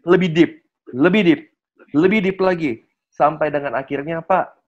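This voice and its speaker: A man's voice: fairly high pitch, normal speed. A man, guest speaker in a casual online presentation, who acts out sales dialogues and keeps addressing the listener politely. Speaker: guest speaker on network marketing. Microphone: video call. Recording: muffled online call audio.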